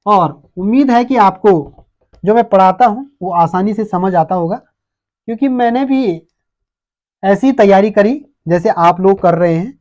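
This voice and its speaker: A man's voice: sits high, unhurried, darkish tone. Man teaching, answering his own questions. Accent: Uttarakhand Hindi. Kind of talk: exam-prep lesson.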